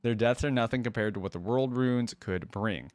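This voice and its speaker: At a moderate pace and in a mid-range voice, a man hosting a reaction video reads text aloud and gives informal commentary, calling his audience "guys" and "dude." The recording is dry.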